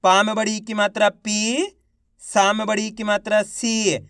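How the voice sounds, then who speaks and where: A man teaching children to read, sounding out each syllable slowly and then drawing out the whole word, while encouraging his viewers. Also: high voice, completely flat delivery, fairly bright tone, no echo, clean studio sound. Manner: encouraging, addresses viewers as friends. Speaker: Hindi reading teacher. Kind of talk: online reading lesson.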